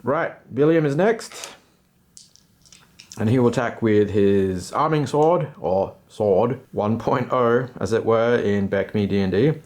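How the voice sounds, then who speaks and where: A man's voice: medium pitch, slow pace, darkish tone. A man giving casual running commentary as he plays a tabletop game alone, with slangy, self-deprecating asides. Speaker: host and player of a solo tabletop game.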